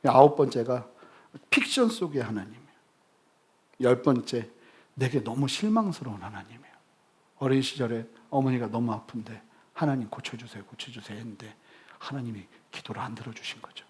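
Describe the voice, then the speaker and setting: A male pastor giving a sermon, telling humorous stories with sudden loud bursts. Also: medium pitch, expressive, a little fast, pauses often.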